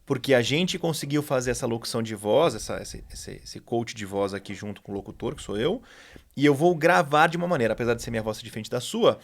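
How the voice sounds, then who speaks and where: Quick, gravelly Brazilian man hosting. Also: medium pitch. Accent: Brazilian Portuguese. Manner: quick, asks clarifying questions. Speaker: podcast host. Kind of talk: conversational interview.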